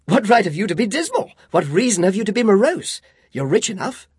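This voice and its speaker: Cheerful young man, man doing the voice, eager, pleading, lively pitch, dry sound. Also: normal speed, slightly rough, dry recording. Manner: bright, eager, gently pleading. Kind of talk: audiobook reading.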